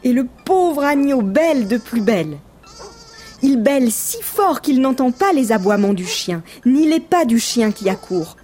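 A woman reading a children's storybook aloud in a gentle, calm way. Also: a little high, measured pace. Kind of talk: scripted storybook narration.

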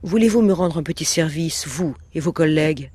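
A man voicing a sweet, scheming young housewife in a high, pleading voice. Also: moderate pace, darkish tone, slightly rough, no room sound. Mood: sweetly coaxing. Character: young housewife, sweetly cunning, tearful on demand.

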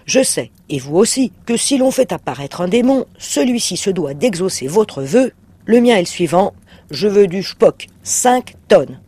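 A man's voice: sits high, big pitch swings, a little slow, husky, voice pushed up, exaggerated voice. A man putting on a sly, blustering red demon. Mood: insistent. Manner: sly, blustering, sometimes shouting. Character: greedy scaly red male demon, cunning and impatient. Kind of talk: audiobook reading.

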